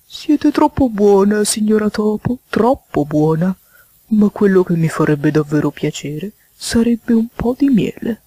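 A woman voicing a greedy, slovenly male toad in a storybook reading, with slow, wheedling speech. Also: medium pitch, animated, dark tone, breathy edge, no room sound, pitched above the performer's own voice.

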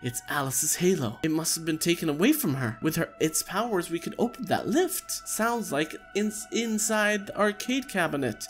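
A man voicing an excitable little cartoon ink demon in a game, eagerly exclaiming as if struck by an idea. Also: fairly high pitch, moderate pace, hardly any pauses, faint music behind, natural voice. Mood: eager discovery. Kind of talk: game character dialogue read-out.

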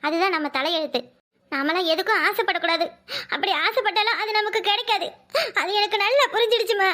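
A woman voicing a heartbroken, resigned young village bride in a cartoon, soft and tearful, with a Kanyakumari Tamil accent. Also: extremely high pitch, quick pace. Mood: despairing.

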